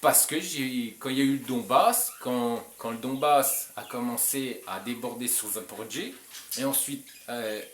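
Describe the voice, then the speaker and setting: A man's voice: mid-range voice, measured pace, reverberant. A French man hosting his channel, talking bluntly and emphatically, with frequent restarts and short chuckles. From France. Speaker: channel host. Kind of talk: casual direct-to-camera talk.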